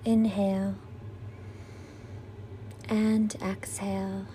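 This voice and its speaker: A woman leading a guided meditation as its teacher, soothing and gentle like a sleep story narrator, with breathy exhales on breathing cues. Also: medium pitch, flat delivery, drawn-out words, slight background noise.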